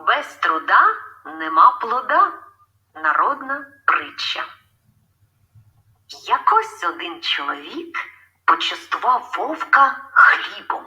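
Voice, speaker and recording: A woman reading a folk parable aloud in an expressive way. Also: slow pace, pauses often. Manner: expressive reading with lively pitch. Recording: dull lo-fi playback from a distance.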